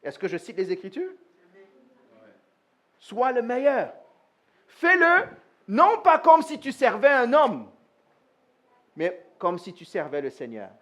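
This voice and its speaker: A man's voice: extremely high pitch, takes it slowly, long pauses. A man preaching a sermon as pastor, talking straight to the congregation, asking them questions and acting out short dialogues. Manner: animated, asks the congregation questions; acts out little dialogues in voices. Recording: live church sermon.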